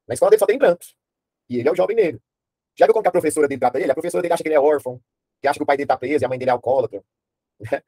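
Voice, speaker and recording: Fast-talking husky male teacher. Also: a little high, darkish tone, dry recording. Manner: fast, talking straight to students and asking them questions; casual slang. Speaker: history teacher. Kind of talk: live online class.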